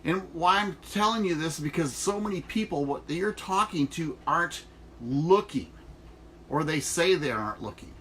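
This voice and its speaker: A man's voice: fairly high pitch, expressive, normal speed, a bit bright. A middle-aged man talking casually and emphatically in a folksy, motivational vlog, recorded inside an RV trailer. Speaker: online network marketer. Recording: noticeable background noise in a trailer.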